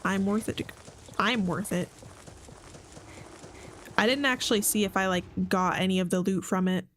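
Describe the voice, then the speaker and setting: Her mid-range voice moves at a normal speed over a little hiss or hum, while loud game music plays behind. She's a young woman playing on stream, making jokey, chatty, wandering remarks to her viewers.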